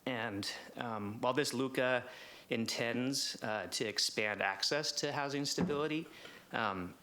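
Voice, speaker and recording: An American man giving a polite, semi-formal public comment as an advocate, speaking haltingly with many fillers. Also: medium pitch, sharp tone, a little hiss or hum. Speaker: housing coalition representative giving public comment.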